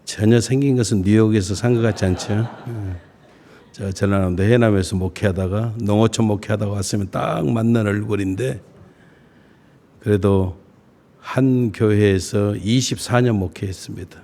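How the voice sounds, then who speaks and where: Folksy middle-aged Korean pastor preaching. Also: male voice, lowish voice, fairly even intonation, moderate pace, mellow. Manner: folksy, self-deprecating humor. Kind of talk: sermon. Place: church sanctuary.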